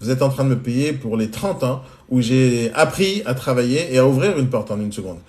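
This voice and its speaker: A man's voice: mid-range voice, brisk, natural voice. Man playing a curt, unflappable old locksmith. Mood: calm, firm. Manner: calm, curt, matter-of-fact.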